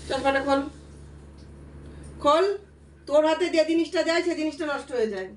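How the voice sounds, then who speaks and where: A woman's voice: high voice, fairly quick, a little hiss or hum. A woman host chatting casually in a home vlog, scolding and cooing at her pets as she goes. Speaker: home vlogger.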